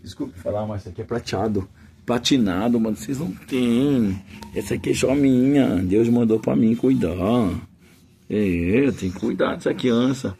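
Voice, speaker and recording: A man's voice: medium pitch, normal speed, warm tone, slight background noise. A man who breeds dogs, chatting casually to his dogs and viewers, cooing at them in fond baby talk and speaking in a folksy, devout way. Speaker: dog breeder.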